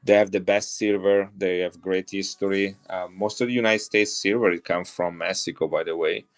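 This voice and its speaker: Speaking at a normal speed in a low, steady voice, this coin seller on a live stream is a middle-aged man from Italy. He has an Italian accent and chats casually and enthusiastically with viewers while showing and selling coins.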